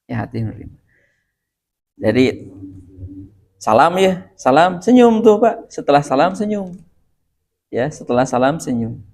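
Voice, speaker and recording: Middle-aged Sundanese-accented preacher. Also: male voice, on the high side, very animated, unhurried, pauses often, a little mellow. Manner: mixes Arabic recitation with Indonesian, chuckles often. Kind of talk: sermon.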